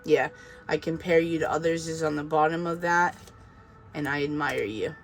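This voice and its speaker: A tarot reader with a slight Boston accent chats with viewers during a casual, reassuring reading, full of fillers, asides and laughs. His voice is fairly high and steady, at normal speed, with a little hiss or hum in the recording.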